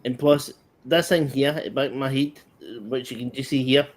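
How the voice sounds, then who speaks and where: A man with a Scottish accent chats as a guest in an easy group conversation. His voice sits at an ordinary middle pitch. He is blunt and halting, breaking off mid-thought and starting over. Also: steady tone. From Scotland. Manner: blunt, halting, trails off and restarts. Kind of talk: casual group chat.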